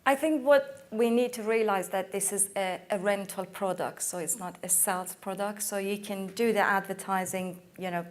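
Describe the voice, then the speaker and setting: Woman panelist, emphatic, many fillers, voice going hoarse, mid pitch. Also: fairly even intonation, moderate pace, few pauses. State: losing her voice. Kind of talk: conference panel discussion.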